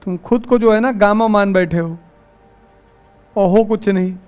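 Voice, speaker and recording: A man's voice: high-pitched, a little slow, a little mellow, clean tone, faint music behind. A man teaching a class, giving a motivational lecture full of stories and rhetorical questions, firm when he lays down rules. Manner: storytelling, wry, with rhetorical questions.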